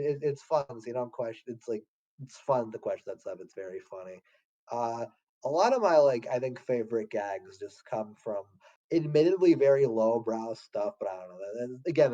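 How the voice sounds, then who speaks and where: Young man, dark voice, lo-fi podcast. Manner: loose, slangy, swearing, laughing at lowbrow jokes. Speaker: podcast co-host. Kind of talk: casual chat.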